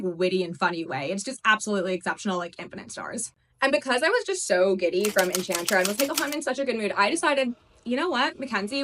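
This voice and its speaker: A young woman in her twenties gushing over books in a casual reading vlog, talking quickly and full of "like" fillers. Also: medium pitch, a bit bright. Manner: gushing, fast, lots of "like" fillers. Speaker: book reviewer. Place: her apartment, indoors.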